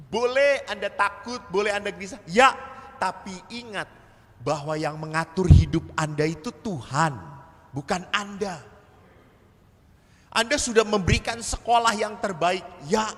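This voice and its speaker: Animated priest in a reverberant church. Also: male voice, high-pitched. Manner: animated storyteller who acts out dialogue. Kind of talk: seminar talk in sermon style. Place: large church.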